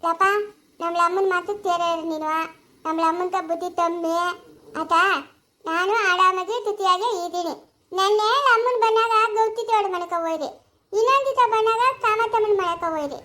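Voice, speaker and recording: Woman doing a very high lisping simple daughter. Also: moderate pace, fairly bright tone. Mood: earnest. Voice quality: lisping, childlike speech. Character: simple-minded, lisping young married daughter. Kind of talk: family skit acting.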